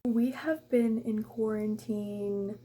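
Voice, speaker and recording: A woman's voice: medium pitch, fairly even intonation, takes it slowly, warm tone, breathy edge. Young woman, casual vlog, chatty, rambling, filler-heavy, filmed at home on a handheld camera. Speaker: vlogger. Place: at home, in her bedroom.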